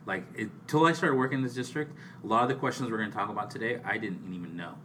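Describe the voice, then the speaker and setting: A man's voice: lowish voice, quick pace, distant mic. Rambling man talking a little off-mic. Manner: rambling, with frequent restarts. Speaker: podcast co-host. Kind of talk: casual podcast chat. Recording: off-mic with faint background hiss.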